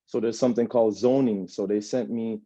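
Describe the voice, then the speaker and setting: A man in his thirties speaks with a Jamaican accent, his voice fairly low, mellow and steady at a brisk pace. As an interview guest he tells his personal story loosely, often checking in with "you know what I'm saying." The sound is dull lo-fi with no room sound.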